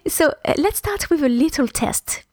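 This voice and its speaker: Female French teacher-podcaster, native French with French accent, higher-pitched, close dry sound, moves between French and English while explaining. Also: lively intonation, normal speed, a little mellow, no echo. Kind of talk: podcast lesson, explaining to listeners.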